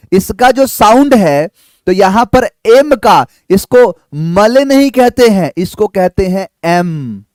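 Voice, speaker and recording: A man teaching an English lesson, spelling out sounds slowly and checking in with "clear?". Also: high voice, a little mellow, dry recording. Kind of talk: classroom lecture.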